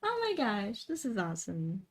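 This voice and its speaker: A woman's voice: medium pitch, huge pitch swings, normal speed, husky. A woman hosting a painting livestream, chatting casually and informally as she works. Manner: greets viewers by name, informal. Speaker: live stream host, painter.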